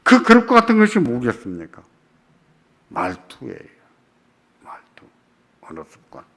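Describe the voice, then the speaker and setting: A man preaching a sermon at a church prayer meeting, putting rhetorical questions to the congregation and repeating key phrases with emphasis, swinging between loud and soft. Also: mid-range voice, huge pitch swings, unhurried, vocal fry. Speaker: pastor.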